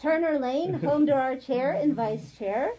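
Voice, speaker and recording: A woman on a village council presenting survey results at a meeting, speaking with frequent ums and pauses. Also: high voice, mellow, poor audio. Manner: hesitant, many ums, light laughs. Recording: faint noise, online meeting audio.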